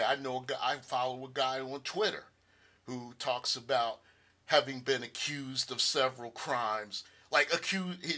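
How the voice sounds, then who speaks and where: A man's voice: fairly high pitch, bright, forceful tone. A middle-aged man hosting a livestream, talking casually, often laughing at his own jokes and cursing freely. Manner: laughing, profane, tangential. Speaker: science channel host.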